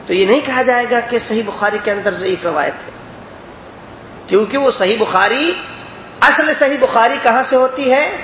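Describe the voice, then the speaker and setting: High-voiced man teaching in an echoey room. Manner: explains with questions to listeners. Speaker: hadith teacher. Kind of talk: religious lesson. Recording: echoey, dull lo-fi recording with faint noise.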